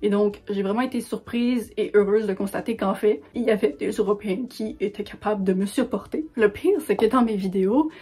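A young woman with a Québécois French accent talks to her audience in a chatty, upbeat vlog about books. Her voice is a little husky and breathy, sitting at an ordinary middle pitch. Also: fairly quick, few pauses, mellow. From Quebec. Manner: chatty and enthusiastic. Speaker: book vlogger. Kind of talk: casual vlog talk to camera.

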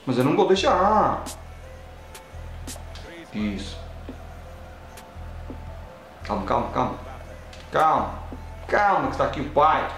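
A man with a European Portuguese accent, playing a football video game and reacting loudly to each play as he talks at it. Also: on the high side, echoey room, low-quality recording. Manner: excitable, talks at the game and the referee, frequent exclamations. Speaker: gaming channel host.

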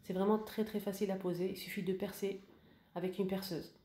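A woman's voice: medium pitch, flat delivery, fairly quick, warm tone, roomy sound. A woman giving a casual home decor tour and showing her purchases, talking hesitantly with many fillers and restarts. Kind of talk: casual voice-over room tour.

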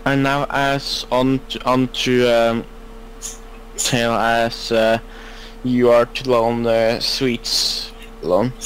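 A man sleep talking on a game voice chat, rambling drowsily and haltingly in incoherent fragments. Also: mid-range voice, level tone, slight background noise, low-quality recording.

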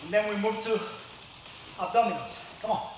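A man's voice: sits high, normal speed. A man coaching a kickboxing workout, exerting himself as he calls out punch combos like a boxing coach in short cues with punchy sound effects. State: exerting himself, breathy from exercise. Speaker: fitness kickboxing instructor. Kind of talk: workout class instruction, short shouted cues and encouragement. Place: large indoor martial arts studio. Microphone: far from the camera. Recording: echoey room, distant mic, music behind. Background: workout music.

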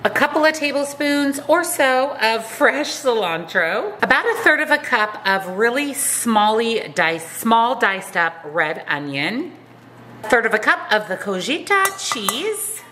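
A woman in her thirties chatting brightly through a cooking walkthrough in her home kitchen. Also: fairly high pitch, big pitch swings, unhurried, slight background noise. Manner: upbeat, chatty. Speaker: food vlogger.

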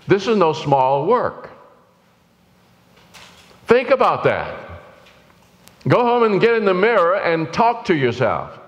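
An older man preaching a sermon from a church pulpit, earnest and rising to urgent exhortation. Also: a little high. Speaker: pastor. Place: church sanctuary, indoors, at the pulpit. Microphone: pulpit mic from a far camera. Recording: roomy hall reverb, dull lo-fi sound.

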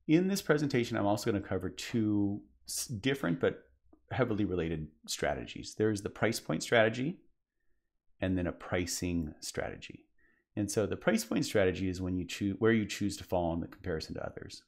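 Giving a business presentation at a conference, this man speaks in a lowish, creaky voice. He explains things casually, often using fillers and starting sentences over.

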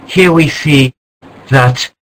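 A man narrating a mock nature documentary in a mock-serious, deadpan way, breaking into startled exclamations. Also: mid-range voice, very slow.

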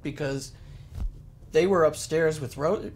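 A man in his forties telling personal family moments in a gentle, heartfelt way during a casual interview. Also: fairly high pitch, slow pace, husky. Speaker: interviewee, co-parent. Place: living room, sitting in an armchair.

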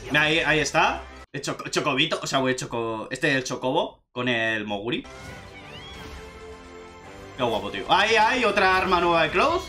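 A young man with a Spanish accent from Spain, chatting excitedly as he reacts to a video game trailer. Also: fairly high pitch, moderate pace, soft background music. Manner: excitable, chatty, says "tío" often. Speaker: gaming youtuber reacting to a trailer.

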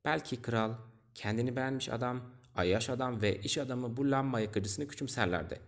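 A man reading aloud, voicing a curious, gentle young boy prince from a storybook who asks earnest questions. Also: medium pitch, moderate pace, lightly acted.

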